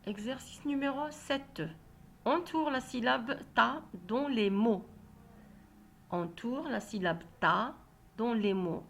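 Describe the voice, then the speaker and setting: Slow, careful woman teacher. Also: on the high side, fairly bright tone. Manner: slow, clearly articulated, repeats instructions. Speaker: primary school teacher. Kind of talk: reading lesson walkthrough.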